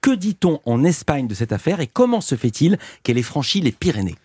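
Male radio host, husky, slightly high, dry studio sound. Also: big pitch swings, brisk, darkish tone, no echo. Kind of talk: radio media show presenting.

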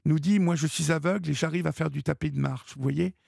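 Late night radio host guy, gravelly raspy voice, lots of euh, kind and encouraging, dry studio sound. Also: fairly high pitch, fairly even intonation, a little fast, darkish tone, dry recording. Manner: hesitant, many fillers, encouraging. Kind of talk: late-night call-in chat.

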